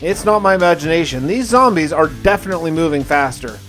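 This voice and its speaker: Over music, a man with a slightly high, somewhat bright voice narrates a survival game playthrough, talking fast and expressively. As a roleplaying video host, he tells the story conversationally in the first person.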